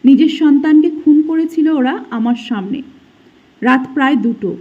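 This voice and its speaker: A high-pitched woman narrates a heartbreaking first-person story in a soft, emotional, scripted way. Her colors the telling. The recording sounds slightly dull and muffled. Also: normal speed.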